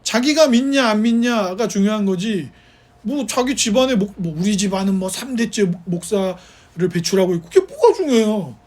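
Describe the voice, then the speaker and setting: A male pastor delivers a sermon in a relaxed, talking style. His voice rises and falls widely as he animates a story. He keeps turning to the congregation with rhetorical questions. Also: sits high, moderate pace. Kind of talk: conversational sermon. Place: church service.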